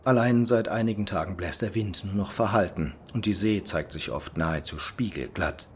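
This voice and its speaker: Male storyteller for scripted audio drama, low-pitched, expressive, conversational. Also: moderate pace, a little hiss or hum. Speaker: narrator.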